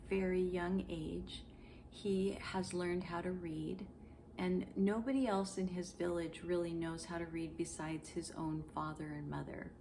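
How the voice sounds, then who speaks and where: A woman talking through her recent reads in a casual book review vlog, in a measured and earnest way. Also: lowish voice, vocal fry, darkish tone, a little hiss or hum.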